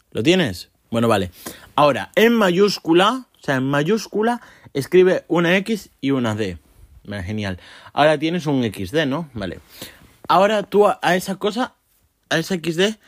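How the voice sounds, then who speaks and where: A man's voice: a little high, no echo, clean studio sound. A man hosting a podcast, delivering a sarcastic, swearing comic rant. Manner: sarcastic, ranting, swears often. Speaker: podcast host. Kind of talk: casual comic monologue.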